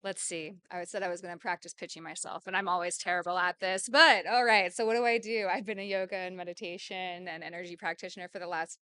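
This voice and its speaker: A woman's voice: on the low side, fairly even intonation, fast talker, few pauses, sharp tone, smooth, no room sound. A woman from San Diego, a yoga and sound healing practitioner, introducing herself to a small group, a bit self-conscious and giggly. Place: wellness studio with a small audience.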